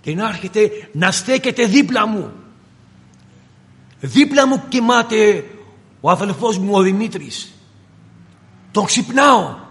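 A man with a high voice preaches in a meeting hall, his words trailing off into a long, ringing reverb. He tells a personal story, slows down for dramatic pauses and repeats key phrases to build the sermon. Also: animated, fairly bright tone.

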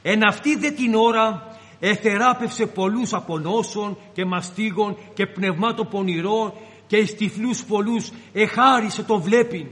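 A man with a very high voice delivers a sermon, telling the scripture story dramatically and slipping into its characters' voices. His words ring out with the long reverb of a large church hall. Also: a bit bright. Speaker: preacher.

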